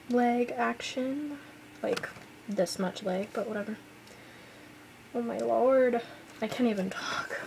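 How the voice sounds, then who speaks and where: Gushing young woman, slow-talking, noisy recording. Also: a little high, vocal fry, darkish tone. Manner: gushing, exclaims often, drops to whispers. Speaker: vlogger unboxing an album. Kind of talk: excited unboxing chatter.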